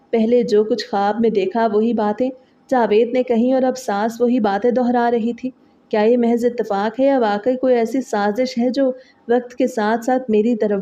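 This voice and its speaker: A woman tells a dramatic story in the first person, earnest and full of feeling. Her voice is mellow and warm. The recording sounds slightly dull and lo-fi. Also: fairly high pitch.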